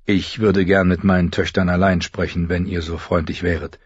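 Audiobook: man as tired stern lord-father, low, husky. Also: level tone, no room sound, highs cut off. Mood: weary. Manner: tired, firm, measured. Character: weary middle-aged lord and father, stern.

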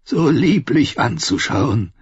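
A man voicing a gentle, courtly, blind old scholar who talks slowly and politely in a husky voice. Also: mid-range voice, big pitch swings, dry recording, pitched above the performer's own voice, exaggerated voice. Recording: dull lo-fi audio.

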